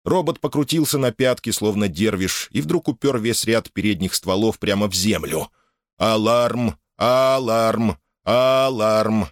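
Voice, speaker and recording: A male narrator reads a novel aloud with an expressive, dramatic delivery. His voice is low but very animated in pitch, and the recording is dry, with no room sound. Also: normal speed, hardly any pauses, no echo. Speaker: audiobook narrator. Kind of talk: scripted audiobook narration.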